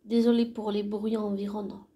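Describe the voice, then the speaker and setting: A woman's voice: mid-range voice, flat delivery, moderate pace, husky. A woman explaining one of her own songs to viewers in a casual, hesitant way, often restarting and sometimes sinking to a near whisper. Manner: soft, hesitant, with restarts and trailing off.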